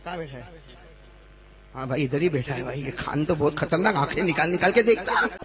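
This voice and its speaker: A man preacher giving a sermon to a large gathering, emphatic and firing repeated questions at the crowd. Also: fairly high pitch.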